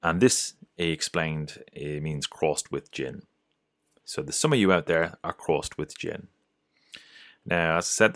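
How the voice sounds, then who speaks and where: A man gives a casual, loosely structured lecture on folklore, wandering off topic, restarting sentences often, and using lots of fillers. His voice sits low and is a bit bright. The recording is dry and studio quality.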